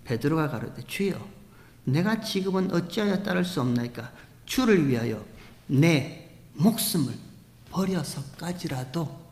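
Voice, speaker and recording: Male pastor, sermon, loud emphasis and hushed asides, roomy church sound, long reverb. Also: a little high. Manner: swings from loud emphatic preaching to hushed near-whispers. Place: church sanctuary. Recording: echoey church hall.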